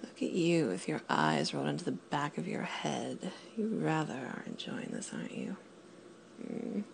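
A woman in an intimate audio roleplay, speaking in a commanding, teasing way, often dropping to a whisper, and counting down slowly. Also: deep voice, huge pitch swings, vocal fry. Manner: slow counting down.

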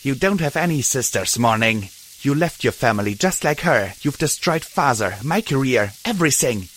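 A man's voice: on the low side, expressive, moderate pace, fairly bright tone. A man voicing a proud, hostile female pegasus soldier who talks with scorn. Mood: scornful. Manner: hissing, scornful.

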